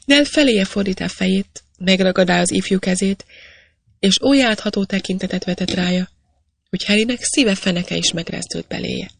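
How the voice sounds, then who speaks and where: An audiobook narrator reading a classic novel aloud in a measured storytelling manner. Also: mid-range voice, creaky, a bit bright, no room sound.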